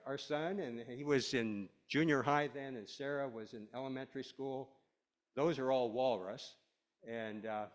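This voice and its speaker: A man's voice: mid-range voice, a bit bright. Older male lecturer, plain mid-range voice, loose and folksy, talking through slides. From Washington State, USA. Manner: folksy and rambling, with many uh fillers. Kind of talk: slide presentation to a class.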